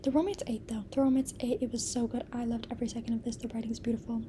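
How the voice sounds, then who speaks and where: Her voice is a little high with little pitch movement, and she talks rapid-fire against slight background noise. The young woman is a book vlogger chatting and reviewing books, soft and whispery yet gushing, her voice fading as she gets sick.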